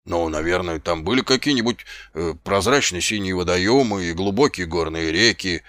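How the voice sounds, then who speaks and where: A man voicing a slow, timid, middle-aged male sergeant who talks hesitantly and grumbles, in an audiobook. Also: deep voice, expressive, a bit bright, dry recording, studio quality, pitched below the performer's own voice.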